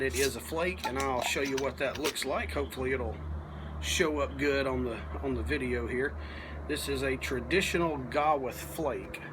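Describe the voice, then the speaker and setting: Folksy man, noisy recording. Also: mid-range voice. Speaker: pipe tobacco reviewer. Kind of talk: casual video review.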